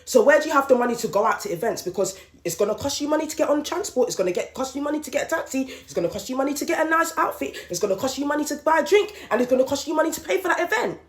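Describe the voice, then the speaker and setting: This late-30s podcast host talks rapid-fire in a high, expressive voice, hardly pausing as she candidly vents in a solo monologue and repeats herself for emphasis. The echoey room is audible.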